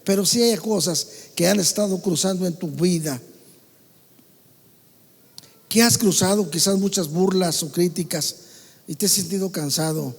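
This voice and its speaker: A man with a Mexican Spanish accent preaching a sermon to his congregation, swinging between loud calls and soft asides. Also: high-pitched, a little slow, creaky, pauses often, husky, in a large hall. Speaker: pastor. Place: church hall.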